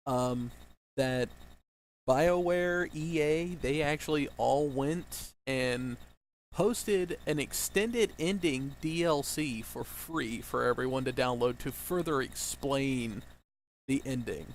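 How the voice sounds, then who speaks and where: A man's voice: mid-range voice, slow pace, slight background noise, rough recording. A man hosting a gaming video, commenting casually in an informal, sweary way.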